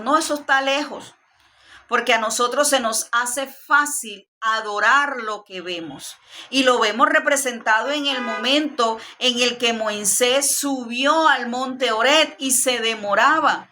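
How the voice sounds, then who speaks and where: A woman preacher delivers an earnest Bible study sermon. She speaks straight to her listener in a bright, slightly high voice. A faint noise sits behind her. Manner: earnest, addresses listener directly.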